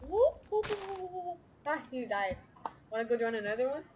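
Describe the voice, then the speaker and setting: Brief: young woman, gamer, giggly and playful, lively voice, noisy home recording. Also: a little fast. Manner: giggly, playful, breaks into high squeals. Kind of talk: casual gameplay chat.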